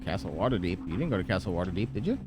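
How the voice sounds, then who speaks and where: Animated man running a tabletop game. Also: low voice, rapid-fire, music in the background. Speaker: game master. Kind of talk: casual banter while running a tabletop game.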